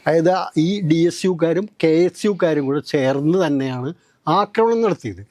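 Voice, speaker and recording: A man with a slightly high voice lays out political analysis in long, measured explanations. The sound is dry and close, with no echo. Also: darkish tone. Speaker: host of political discussion.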